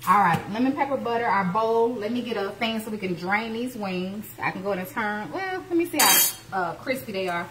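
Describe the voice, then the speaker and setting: Lively woman cooking live in her kitchen. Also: medium pitch, a little fast, background noise. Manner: lively, playful, churchy exclamations, talks to viewers as y'all. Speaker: home cooking show host. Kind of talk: live cooking stream chat. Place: home kitchen, indoors. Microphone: phone camera, moving between close and across the kitchen.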